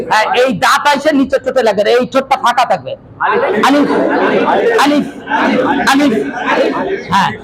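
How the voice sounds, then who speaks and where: A man's voice: extremely high pitch, poor audio. A man teaching a Quran recitation class, drilling his students in call-and-response and often raising his voice. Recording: loud class and room noise.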